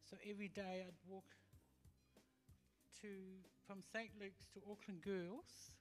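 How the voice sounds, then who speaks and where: A woman in her fifties from Tonga, talking as a guest in an on-stage interview, halting and full of fillers, holding a handheld mic. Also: mid-range voice, steady tone, faint music behind. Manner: hesitant, halting with many fillers. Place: large hall with stage and audience. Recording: long hall reverb.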